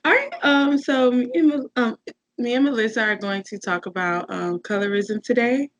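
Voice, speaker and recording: A woman's voice: fairly high pitch, normal speed, lo-fi sound, slight background noise. A woman hosting a podcast, asking questions hesitantly with many ums. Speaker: podcast host. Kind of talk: interview questions.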